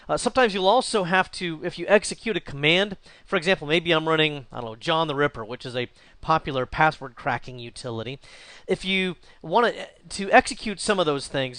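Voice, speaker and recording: Guy walking thru a computer tutorial, kinda high voice, smooth and crisp, dry close mic. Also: dry recording. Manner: relaxed, thinking aloud with frequent uh and restarts. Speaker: instructor. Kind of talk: screen-recorded software tutorial.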